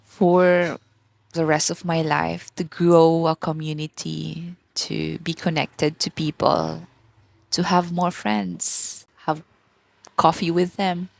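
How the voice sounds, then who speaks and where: Gentle gravelly Filipino woman in her thirties. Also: sits low, little pitch movement, dry recording. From Philippines. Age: 30s. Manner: slow and gentle, with pauses and restarts. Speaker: ASMR vlogger. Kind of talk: soft-spoken ASMR talk.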